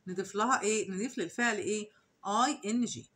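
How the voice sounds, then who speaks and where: A woman with an Egyptian Arabic accent, an English teacher, walking through exercise answers. She reads each English sentence slowly, then explains it in Arabic with questions to the students. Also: mid-range voice, a bit bright. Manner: asks rhetorical questions to the students. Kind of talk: exam answer walkthrough lesson.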